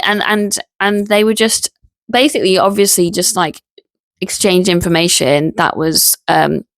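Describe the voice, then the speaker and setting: A woman talking in a casual vlog, indignant and animated, spelling out sensitive words letter by letter and laughing in disbelief. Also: fairly low pitch, gravelly, dry recording, studio quality. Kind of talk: casual spoken vlog monologue.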